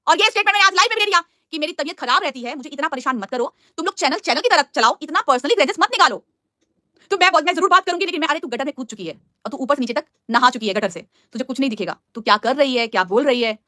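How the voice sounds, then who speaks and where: A young woman pours out a heated live-stream rant at a breakneck pace. Her voice sits high and sounds sharp and bright. The sound is dry and close, with no room around it. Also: no echo. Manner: fast, angry and scolding, with much mocking.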